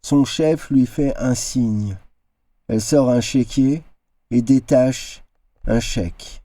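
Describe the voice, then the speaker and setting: A man reading his own tale aloud in an expressive storytelling style, now and then slipping into character voices. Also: slow pace, no echo. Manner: shifts into character voices, high exclamations.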